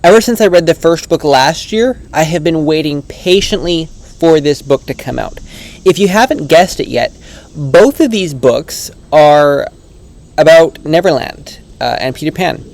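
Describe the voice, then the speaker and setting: A man's voice: fairly high pitch, lively intonation, a little slow, darkish tone. A man giving a casual, earnest book review on his vlog, rambling and often restarting his sentences.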